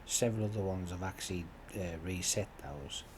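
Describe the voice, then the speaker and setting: A man with a fairly low voice rambles in a relaxed way while he plays, full of ums and offhand swearing. A steady noise hums under his talk throughout the recording. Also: a little fast. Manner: meandering, swears casually, many fillers. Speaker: gaming channel host. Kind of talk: rambling chat over gameplay.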